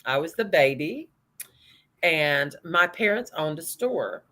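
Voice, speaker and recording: Chatty woman, lowish voice. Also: takes it slowly. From North Carolina, USA. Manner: chatty, animated storyteller. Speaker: sales coach. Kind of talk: guest storytelling in an interview.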